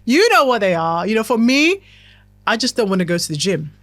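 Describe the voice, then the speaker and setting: A woman's voice: on the high side, sing-song, a little fast, a bit bright, no room sound. A woman hosting a podcast, giving a motivational self-help talk in a chatty, talkative way that keeps checking in with the listener. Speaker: podcast host.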